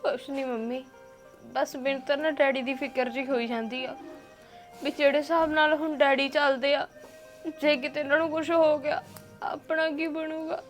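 A young actress with a Punjabi accent playing a worried, tearful daughter who pleads softly with her mother. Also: high-pitched, steady tone, normal speed, soft background music, close to an everyday voice. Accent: Punjabi (Malwa). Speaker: actor in a short film.

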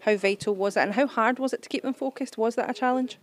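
Quick-talking woman sports interviewer. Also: on the high side. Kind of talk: post-match interview questions.

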